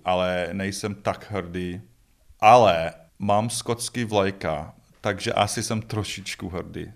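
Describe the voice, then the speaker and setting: A middle-aged man with a Scottish accent, a native English speaker, answering interview questions in a conversational, joking, self-deprecating way. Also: deep voice. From Scotland. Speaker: interview guest, festival organiser.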